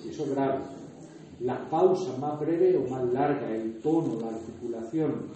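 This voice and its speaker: A man's voice: mid-range voice, unhurried, dark tone, a little hiss or hum. A man from Murcia with a Murcian Spanish accent, giving a conversational lecture on liturgy to a workshop group, explaining with examples and asides. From Murcia, Spain. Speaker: liturgy trainer. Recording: echoey hall, distant mic, dull sound.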